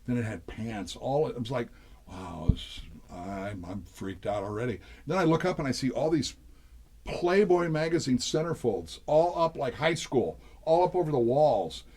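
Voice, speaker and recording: Husky older man telling studio stories. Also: on the high side, animated, moderate pace, darkish tone. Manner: rambling anecdotes with many restarts and fillers. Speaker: session drummer guest. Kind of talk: storytelling interview chat.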